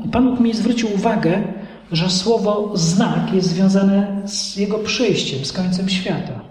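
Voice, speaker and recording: A male pastor preaching a sermon in an animated way, acting out the voices of people in his stories. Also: high-pitched, far from the mic. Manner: animated preaching, acts out dialogues. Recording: echoey hall recorded from afar.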